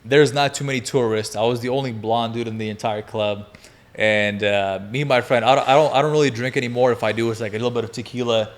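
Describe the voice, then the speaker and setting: A man in his twenties, a podcast guest, telling a wild story in casual chat, energetic and profane, laughing as he goes. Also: medium pitch, quick pace.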